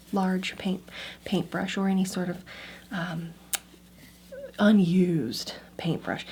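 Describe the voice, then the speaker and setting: A woman speaks in a low-pitched soft voice, in an ASMR role-play as an antiques appraiser. She gently walks through instructions step by step, repeating small words softly. Clear background noise sits behind her voice.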